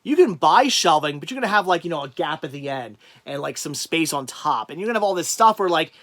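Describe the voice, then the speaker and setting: Male livestream host reading chat and answering in a casual, rambling way with many restarts; voice sits a little high. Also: expressive, quick pace, fairly bright tone. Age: adult with a child.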